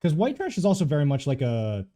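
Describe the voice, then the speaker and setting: Fast-talking man with a mellow voice. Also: fairly high pitch, huge pitch swings. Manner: quick, interjecting, adds caveats. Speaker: podcast host. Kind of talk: casual conversation.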